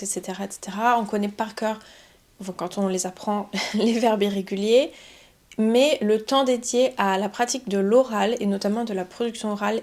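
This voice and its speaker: A young adult woman from France, a French teacher calmly explaining step by step in a podcast. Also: fairly high pitch. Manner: calm, methodical explaining, building points step by step.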